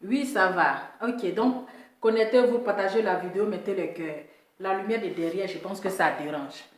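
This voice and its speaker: A woman's voice: medium pitch, moderate pace. Woman live-streaming in a very echoey room. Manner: repetitive, teasing, often laughing, addresses viewers directly. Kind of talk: casual live-stream chat to viewers. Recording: echoey room, voice from far off the mic.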